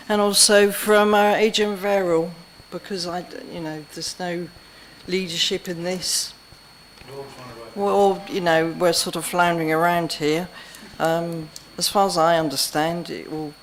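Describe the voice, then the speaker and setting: A woman's voice: on the low side, slight background noise, low-quality recording. A woman councillor speaks frankly and informally in a committee debate, asking for advice. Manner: informal, frank, laughs lightly.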